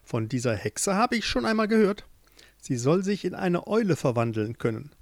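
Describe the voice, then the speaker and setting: A man's voice: sits high, very animated, moderate pace, no room sound, voice pushed up. Storybook ant queen, haughty and commanding, voice pushed way up and swooping, as a male narrator does her. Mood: relenting. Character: grand bossy female ant queen.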